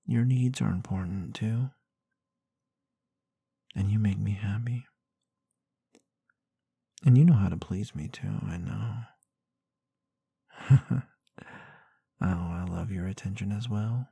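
A man playing a tender, protective, gently dominant boyfriend in an intimate ASMR role-play, murmuring breathy, husky reassurance with soft hums, close to the microphone. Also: on the low side, slow pace, pauses often, no room sound, exaggerated voice. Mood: protective, reassuring. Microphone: close microphone in a dry space.

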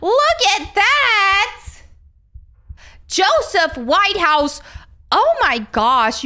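A woman's voice: high-pitched, sharp tone. A young woman streaming, chatting casually and laughing often as she reads viewer messages aloud. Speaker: streamer reading chat. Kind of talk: casual live-stream chat.

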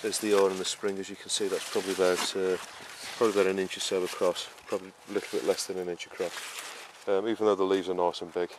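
Out on his vegetable allotment, a gardener and show host gives a casual garden tour in a low, flat voice at a quick pace. He explains things step by step but rambles, with many fillers and restarts, and the noisy outdoor camera audio picks up rural ambience.

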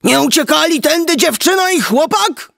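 A woman's voice: high voice, animated, normal speed, creaky, dry recording, clean studio sound, voice pushed up, full character voice. A woman doing a bellowing giant father. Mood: calling. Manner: calling out loudly. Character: huge bellowing male giant, angry father.

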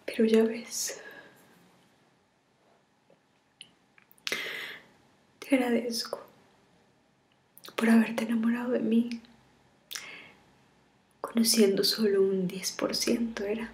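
An actress in her thirties playing a sorrowful woman in a dramatic farewell monologue to her lover, tearful and halting, often breaking into whispers. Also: on the high side, little pitch movement, darkish tone, natural voice. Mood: tearful grief. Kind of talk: dramatic monologue, acted farewell video message. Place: small bare indoor room. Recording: roomy echo of a bare room.

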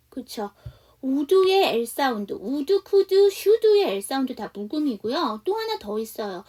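A woman with a Seoul accent teaching an online English conversation lesson, patiently explaining and slowly modelling sentences. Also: high-pitched, far from the mic. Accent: Seoul Korean.

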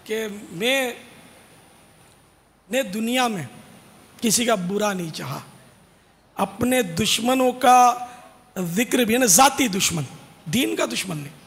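A man with a high, gravelly voice delivers an earnest, informal sermon to devotional singers, slipping in casual asides as he urges them on. His voice carries a long reverb, as if from a large hall. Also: animated, pauses often, fairly bright tone. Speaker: religious preacher.

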